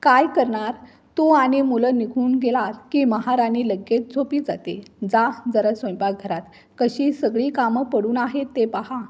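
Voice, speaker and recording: A woman voices a sharp-tongued older mother-in-law in a storybook, forever grumbling and taunting. The voice sits a little high and comes out breathy and husky. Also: a little slow. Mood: scolding. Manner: scolding, taunting.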